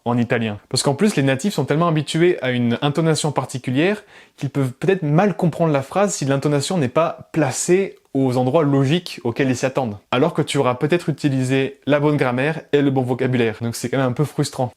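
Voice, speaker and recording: Chatty french guy talking about learning languages, laughs a lot, mid-pitched voice. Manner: lively, laughs often, playful asides. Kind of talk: casual explanatory talk to camera.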